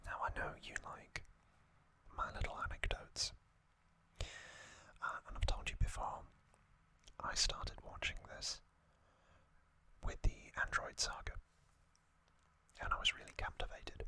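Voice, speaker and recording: Soft and deliberate, an adult ASMR host whispers the narration in short phrases, pausing often and sounding thoughtful.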